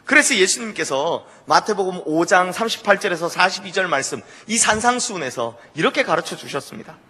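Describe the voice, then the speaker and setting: A man's voice: sits high, expressive, a little fast, pushed and bright, husky, long reverb tail. A male pastor preaching a sermon, telling a story with animation and putting questions to the congregation. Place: church sanctuary.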